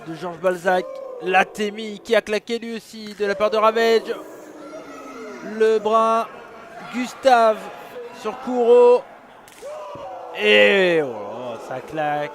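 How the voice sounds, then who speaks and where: A man giving excitable live play-by-play as a wrestling commentator, exclaiming at the action. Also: sits high. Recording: noisy live event with crowd. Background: crowd at a wrestling show.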